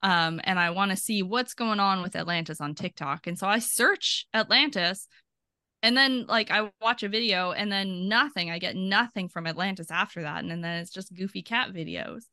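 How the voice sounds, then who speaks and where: A woman talks as a podcast guest in a lively, chatty way, laughing easily as she goes. Her voice is bright and a little sharp, and it reaches us over a video call. The sound is close and dry, with no room around it. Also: mid-range voice, normal speed, no echo. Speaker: podcast guest, archaeology PhD student. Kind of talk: casual interview chat.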